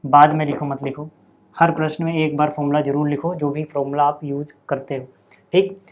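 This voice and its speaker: A man's voice: a little high, little pitch movement, brisk, a little hiss or hum. Chatty male maths teacher. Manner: chatty, repeats 'theek hai' and 'yaar' to students. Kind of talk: board lesson.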